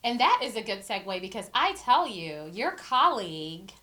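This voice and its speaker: A woman's voice: medium pitch, big pitch swings, normal speed, pushed and bright, a little hiss or hum. A middle-aged woman hosting an interview, effusive and emotional as she talks. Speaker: interview host. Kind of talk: warm interview chat.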